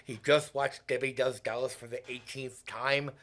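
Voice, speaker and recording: A man's voice: mid-range voice, steady tone, normal speed, a bit bright. A man co-hosting a comedy show, reacting to a plot in an exasperated, mocking way. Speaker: co-host reacting to the script. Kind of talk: comedic banter.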